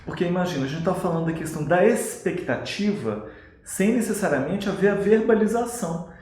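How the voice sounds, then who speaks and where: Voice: medium pitch, animated, brisk, darkish tone. A co-host on a parenting live stream, adding reflective remarks. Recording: very echoey room.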